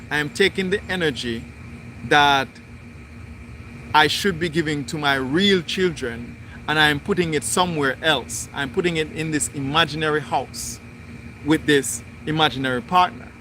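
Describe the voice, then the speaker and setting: A man hosting a spiritual livestream, talking through his thoughts in slow, deliberate, repetitive phrasing. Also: fairly high pitch, pushed and bright, a little hiss or hum. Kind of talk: reflective spoken monologue.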